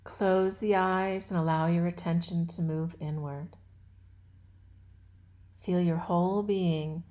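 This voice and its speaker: Short, deliberate phrases of relaxation instruction come from a yoga nidra instructor, a woman leading a guided meditation. She speaks very slowly and in a soothing manner, and her fairly low voice is a little mellow.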